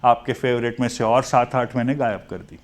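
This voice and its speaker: In a classroom, a mid-range-voiced man with an Indian accent teaches in a jokey, talkative way, mixing Hindi and English. When dictating English phrases, he slows his delivery.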